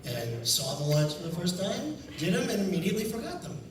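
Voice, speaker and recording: A voice actor on a convention panel answers fans with playful, self-mocking jokes. His voice is high and swoops about. It was caught from far back in a booming hall, under heavy crowd noise. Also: huge pitch swings, brisk. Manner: joking, self-deprecating, playful. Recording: echoey hall, distant camera mic, noisy.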